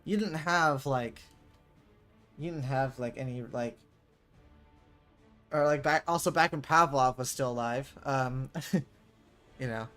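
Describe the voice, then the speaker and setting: An eighteen-year-old esports caster calls a competitive VR shooter match on his own, doing play-by-play with viewer chat. Between rounds he rambles with lots of fillers, then jumps loud and high when plays happen, with game music behind him.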